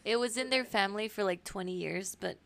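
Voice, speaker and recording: A woman co-hosting a podcast, reacting with quick quips and laughs in casual chat. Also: mid-range voice, creaky, a bit bright. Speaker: podcast co-host.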